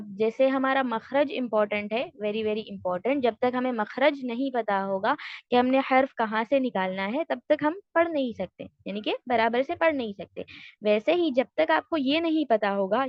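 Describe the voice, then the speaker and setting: Higher-voiced woman teaching an online class. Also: dry recording, highs cut off. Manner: explains step by step, often checks understanding; mixes English words into her speech. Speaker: tajweed teacher.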